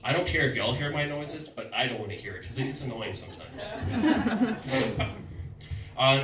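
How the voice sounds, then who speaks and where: Young man doing loud stand-up. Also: mid-range voice. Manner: loud, playful storytelling with tic outbursts. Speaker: stand-up comedian. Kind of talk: stand-up comedy set. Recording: echoey club, mic heard from a distance, noisy crowd.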